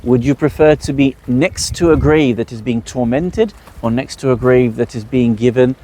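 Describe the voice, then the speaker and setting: A man's voice: medium pitch, normal speed, dark tone, a little hiss or hum. A man leading a religious workshop, explaining rules and asking the audience rhetorical questions before answering them. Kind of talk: explanatory teaching talk.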